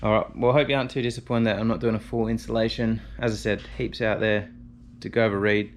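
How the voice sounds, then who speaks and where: A man speaks in a lowish, gravelly voice, with some faint noise around him. He is laid-back and colloquial, talking to viewers like a casual DIY vlogger. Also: level tone, fast talker. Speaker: vlogger presenting a DIY video. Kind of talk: casual vlog chat.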